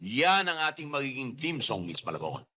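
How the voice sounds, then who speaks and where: An older man playing a cocky, blustery police officer who shouts orders. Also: mid-range voice, sing-song, normal speed, slightly rough, full character voice. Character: brash older male cop, cocky tough-talking lawman.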